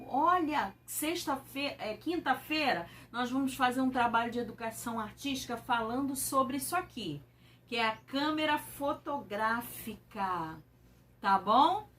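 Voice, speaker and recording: A Brazilian woman teaching young children in an online class, talking in an animated, exaggerated sing-song way. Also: sits high, distant mic. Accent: Brazilian Portuguese. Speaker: primary school teacher.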